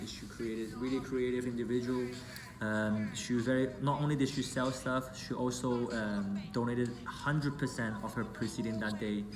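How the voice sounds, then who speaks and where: A man's voice: medium pitch, echoey room, background noise. A man born in Hong Kong and raised in the UK, giving a casual, rambling thank-you speech as an event organizer, with many fillers and self-corrections.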